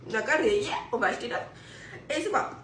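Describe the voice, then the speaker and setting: Heavy background noise surrounds a young mother from Guadeloupe as she eagerly tells a friend a story over a phone video call, laughing often and checking "you see?" She talks fast at a fairly high pitch. The casual storytelling chat echoes around a home room.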